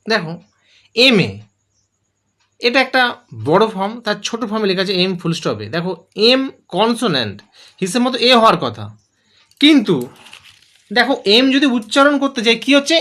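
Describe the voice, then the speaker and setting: Lively, high-voiced male teacher. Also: moderate pace, long pauses. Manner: asks questions and answers them himself. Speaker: English teacher. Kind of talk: explaining grammar rules.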